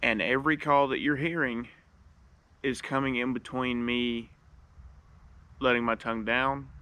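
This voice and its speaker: A man's voice: medium pitch, fairly even intonation, a little slow, sharp tone, clear, resonant tone. A man giving a casual, plain-spoken how-to tutorial, showing each step and repeating the key points. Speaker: duck call instructor.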